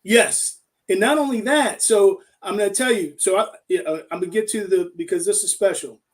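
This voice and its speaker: A man in his fifties, a former coach, reminiscing as a guest on a video call, halting with many fillers. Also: sits high, recorded from a distance. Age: 50s.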